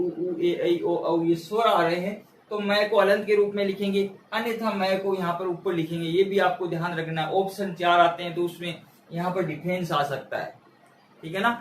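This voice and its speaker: A man's voice: high voice, fairly bright tone, a little hiss or hum. A male teacher giving an exam-prep grammar lesson, explaining step by step, repeating key words and asking questions that he answers himself. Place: room with a board he writes on. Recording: echoey room, mic far off.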